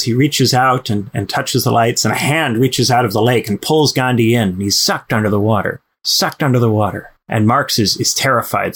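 A man's voice: on the low side, fairly bright tone, slightly rough. A man, a podcast host and former lecturer, telling a long story in a rambling, casual way. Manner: rambling, many "you know" fillers and restarts.

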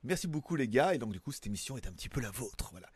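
A man's voice: mid-range voice, sing-song, racing, darkish tone, breathy edge, dry recording. A man hosting a casual tech news show, rambling and self-mocking with many fillers. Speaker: tech news YouTuber host. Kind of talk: casual chat to camera. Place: home in Thailand.

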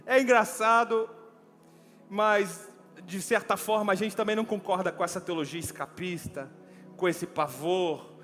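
High-voiced preacher in a hall. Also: male voice, a little slow. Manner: animated storytelling, addressing listeners as brother. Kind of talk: sermon with personal story. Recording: long hall reverb with faint music.

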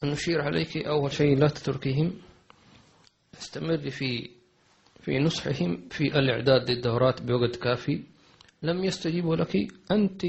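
A man teaching a religious lesson, answering questions with measured advice, pausing on hesitant fillers and restarts. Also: a little high, vocal fry, darkish tone. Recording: dull lo-fi recording.

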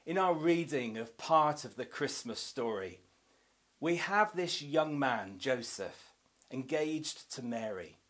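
Slow, softly spoken man giving a devotional. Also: mid-range voice, expressive. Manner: slow, measured delivery that drops to soft, hushed tones. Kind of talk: devotional Advent reflection with scripture reading.

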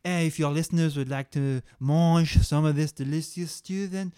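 A man's voice: a little high, moderate pace, warm tone, smooth, no room sound, studio quality, natural voice. A man voicing a cannibalistic hospital chef with a put-on broken French accent, in a comedy radio sketch, hammy and drawn out.

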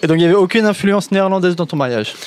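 A man's voice: high-pitched, lively intonation, very fast, slight background noise. A man hosting a casual radio round-table, asking teasing, playful questions. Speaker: radio host.

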